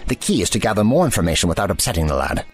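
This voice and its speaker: An actor playing a cantankerous, ancient time-travelling doctor in an audio drama, with formal, wordy diction and an impatient manner. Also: male voice, lowish voice, very animated, very fast, faint music behind. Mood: brisk, pensive. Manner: pompous, impatient.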